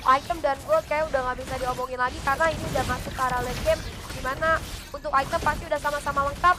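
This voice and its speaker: A woman's voice: high-pitched, steady tone, rapid-fire, music in the background. An Indonesian woman working as an esports caster, giving chatty, analytical commentary on a live match.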